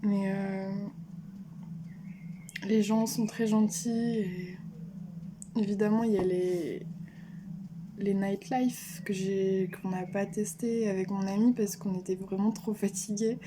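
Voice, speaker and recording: A woman's voice: medium pitch, steady tone, slow pace, long pauses, noisy background. A young French woman giving earnest, hesitant travel advice in a casual vlog, with many fillers and restarts. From France. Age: young adult. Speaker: vlogger.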